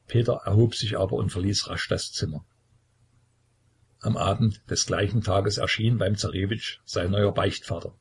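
A man reading a historical novel aloud as an audiobook narrator, measured and solemn, with a husky, creaky voice. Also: fairly low pitch, slight background noise.

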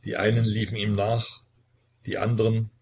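Male narrator, low and husky, measured dramatic read. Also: level tone, darkish tone. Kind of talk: scripted audiobook narration.

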